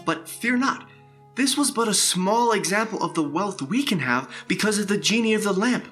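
A man's voice: high-pitched, animated, normal speed, a bit bright, faint music behind. An actor playing an eager, lovestruck young man with an earnest manner.

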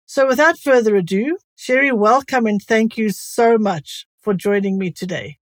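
A woman's voice: fairly high pitch, normal speed, dry recording. A woman hosting a podcast, reading a polished introduction and asking formal interview questions. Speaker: podcast host.

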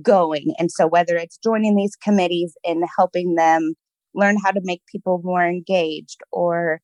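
A woman's voice: on the low side, fairly even intonation, moderate pace, darkish tone, no echo, rough recording. A woman guest chatting casually, cheerful and positive, laughing often as she talks. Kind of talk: casual interview chat.

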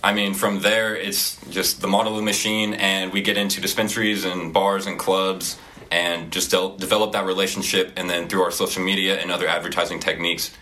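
Young Oklahoma man, student entrepreneur, deep and bright voice, easygoing explainer. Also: fairly quick, slight background noise. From Oklahoma, USA. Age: young adult. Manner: relaxed, explanatory, with fillers. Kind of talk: casual interview answers.

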